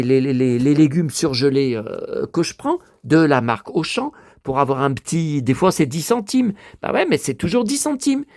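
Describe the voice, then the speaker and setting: A man in his fifties vlogs casually to a handheld camera at home, rambling and swearing often as he shows off his shopping, breathless from hauling heavy bottles. His voice is on the high side and a little mellow. The recording is dry with clean studio sound.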